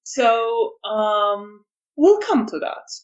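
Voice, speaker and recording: A woman running a tabletop horror game as storyteller, narrating scenes in a measured way with frequent ums. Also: on the high side, big pitch swings, muffled recording.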